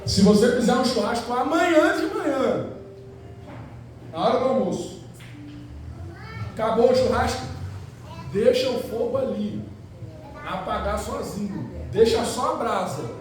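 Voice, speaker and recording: A man with a Rio de Janeiro accent preaching an animated Pentecostal sermon, telling stories with acted quotes and rhetorical questions, heard in a large church hall. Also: very high voice, measured pace, pauses often, distant mic, a little hiss or hum. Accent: Rio de Janeiro Portuguese. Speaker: evangelist preacher. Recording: very echoey church hall, music behind.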